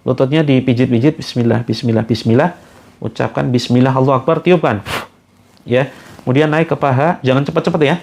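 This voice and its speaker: A man leads a guided self-healing session as a spiritual coach. His voice is mid-pitched and steady, and he moves calmly from one instruction to the next, weaving in repeated Arabic invocations. He speaks gently to his listeners as friends. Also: brisk.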